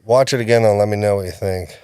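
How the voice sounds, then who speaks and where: A man's voice: on the low side, fast talker, darkish tone, smooth, no room sound, clean studio sound. A man in his thirties co-hosting a podcast in casual chat, rambling and laughing often. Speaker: podcast co-host.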